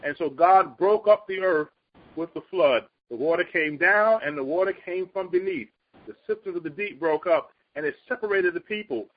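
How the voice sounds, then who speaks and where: Speaking at a moderate pace, a man teaches from the Bible earnestly yet conversationally in a high, husky voice. His pitch rises and his speed picks up whenever he drives a point home, and the audio is muffled and lo-fi.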